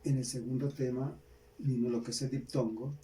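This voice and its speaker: A Colombian man teaching a grammar lesson, slowly repeating key words for students to write down. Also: medium pitch, fairly even intonation, mellow. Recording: distant mic, faint background hiss.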